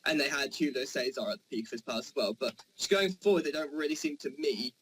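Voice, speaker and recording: A man's voice: medium pitch, animated, fast, fairly bright tone, a little hiss or hum, rough recording. A young man in a casual football debate, talking in a loose, rambling way. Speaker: podcast debater.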